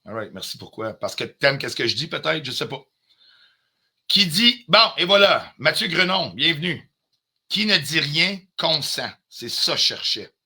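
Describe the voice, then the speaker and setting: A man's voice: on the high side, sing-song, unhurried, bright, forceful tone, husky. A man with a Quebec French accent ranting on a live stream, confrontational and heated, swearing often and dropping in English phrases. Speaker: livestreamer.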